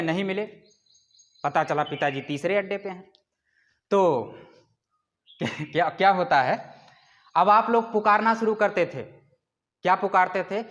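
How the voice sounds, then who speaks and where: In a classroom lecture, a man explains his material through rhetorical questions and draws out sounds to demonstrate them. His voice is high and fairly bright.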